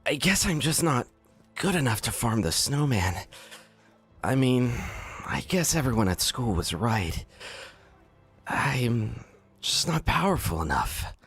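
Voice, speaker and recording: A man's voice: mid-range voice, very animated, slow, a bit bright, slightly rough, soft background music, voice pushed up, heavily acted. Shy little anime boy done by a guy, timid, kinda flustered, bouncy. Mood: bashful. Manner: bashful, self-doubting.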